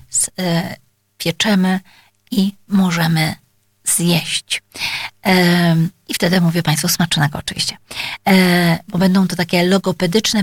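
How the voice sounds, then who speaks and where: A woman's voice: lowish voice, gravelly, dry recording, clean studio sound. A woman speech therapist explaining exercises to parents in a polite instructional talk, hesitant with many fillers.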